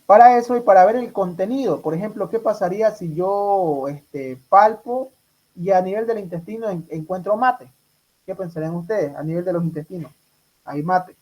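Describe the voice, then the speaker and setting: High-voiced man quizzing a medical class. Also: moderate pace, darkish tone, poor audio. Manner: quizzing students, repeats answers back. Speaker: medical tutor. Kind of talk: exam review class.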